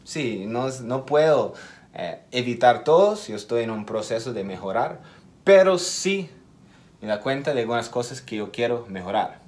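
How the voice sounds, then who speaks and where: A man giving a casual video lesson as an English teacher. He speaks slowly and deliberately, repeats key words and makes small slips in his Spanish. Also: mid-range voice, expressive, a little mellow.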